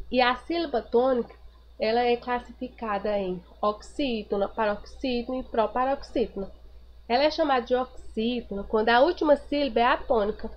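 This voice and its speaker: A woman teacher giving a recorded grammar review lesson, patiently repeating each point and asking the class rhetorical questions. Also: fairly high pitch. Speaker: primary school teacher. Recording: dull lo-fi recording with faint noise.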